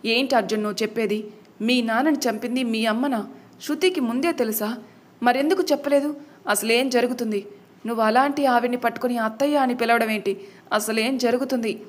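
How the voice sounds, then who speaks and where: A woman plays an indignant young man in a narrated family story. He scolds sharply, pitched a little high. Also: brisk, natural voice. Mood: bewildered. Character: angry young man, betrayed son.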